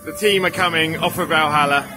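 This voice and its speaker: A man's voice: fairly high pitch, fairly even intonation, brisk, music in the background. A middle-aged man hosting a casual vlog at an outdoor theme park, playfully teasing and quizzing the kids about the rides. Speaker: vlog host and father.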